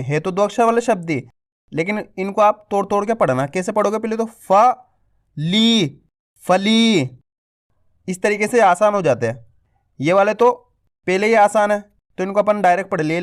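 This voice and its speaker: A man teaching reading, saying each syllable and then blending the syllables into whole words. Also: sits high. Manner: stretches long vowels to teach them. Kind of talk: slow word-by-word reading lesson.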